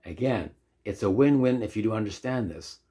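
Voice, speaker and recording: Animated and dark in tone, this fairly low-pitched male voice moves at a normal speed. It belongs to a Canadian ESL teacher in his fifties giving an instructional monologue on teaching, stressing and repeating his points and asking rhetorical questions.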